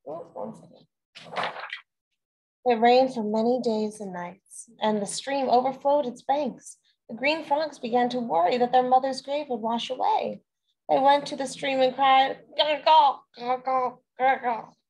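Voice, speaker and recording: Woman, storyteller, children's story reading, playful asides, fairly high voice. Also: moderate pace, a little mellow, breathy edge, low-quality recording.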